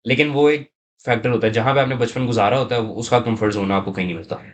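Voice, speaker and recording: A young man from Saudi Arabia, of Pakistani family, speaks with a Pakistani accent as a university student being interviewed. His mid-range voice is fast with fairly even intonation, and he explains things casually while mixing in English words.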